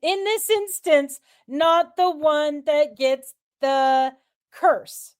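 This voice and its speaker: Slow, high-voiced woman co-host. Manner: agreeable, chimes in with questions. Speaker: podcast co-host. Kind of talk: casual discussion of scripture.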